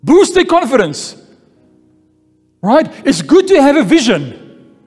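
This pastor's extremely high voice has a darkish tone and huge pitch swings, and he speaks at a slow pace. Preaching a sermon and reading scripture in a church hall, he repeats key phrases and asks "Amen?" of the congregation. Long reverb and faint music fill the recording.

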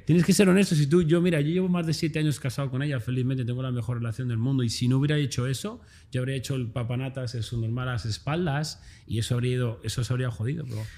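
A man's voice: medium pitch, quick pace, few pauses, warm tone. A man in his thirties with a Spain Spanish accent, a podcast guest telling his story bluntly and crudely and tagging his lines with "bro". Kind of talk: casual interview storytelling.

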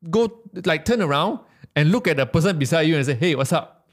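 A man's voice: a little high, brisk. Malaysian man, chatty podcast co-host. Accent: Malaysian English. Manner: animated storytelling, explaining step by step. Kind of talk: casual chat.

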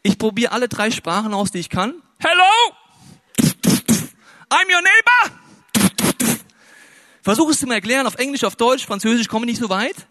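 Male pastor, high voice, animated storyteller in a sermon. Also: quick pace, few pauses. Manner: lively storytelling, acts out dialogue in raised voices. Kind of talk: sermon with personal anecdote.

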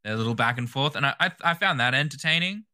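A man co-hosts a casual podcast chat. His voice is very bright and sharp, at a middle pitch. He speaks in a measured way with dry remarks. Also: lively intonation. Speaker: podcast co-host.

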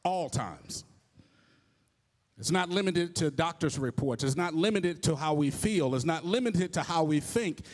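High-voiced emphatic male preacher. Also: lively intonation, unhurried. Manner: emphatic, repeating refrains. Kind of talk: sermon.

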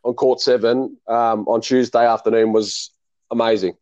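A man's voice: medium pitch, fairly even intonation, moderate pace, a little mellow, lo-fi sound. A man from Melbourne with an Australian accent, hosting a casual chat about tennis and calling the match in a rambling, restart-filled way. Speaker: host and tennis fan commentator.

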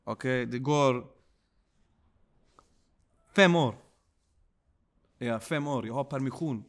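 Slangy man telling a story. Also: medium pitch. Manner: slangy, animated, keeps asking if you follow. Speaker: podcast guest. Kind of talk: casual storytelling.

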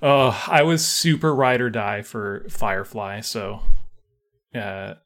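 A man's voice: lowish voice, expressive, slow, a crowd in the background. A man co-hosting a casual podcast, wry and easygoing, laughing along with his partner. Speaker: podcast co-host.

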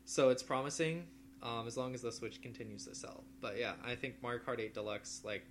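A man's voice: medium pitch, steady tone, brisk, slight background noise. A man co-hosting a casual gaming chat, giving matter-of-fact opinions. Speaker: podcast co-host.

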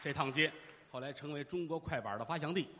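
A man telling a comic story on stage, animated and full of sound effects and asides. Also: a little high, quick pace, big-room sound, crowd noise, noisy background.

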